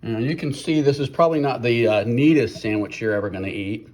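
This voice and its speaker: A middle-aged man hosting a casual cooking vlog, talking in a relaxed, folksy way with many fillers, filming on a phone he holds. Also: medium pitch, brisk. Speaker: fan forum founder and video host. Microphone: phone held by the speaker.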